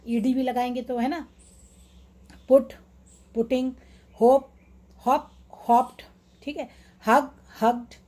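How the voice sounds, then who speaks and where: Woman teaching spelling rules, mellow. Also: fairly high pitch. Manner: mixes Hindi and English, repeats example words slowly. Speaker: English teacher. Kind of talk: explaining phonics rules with examples.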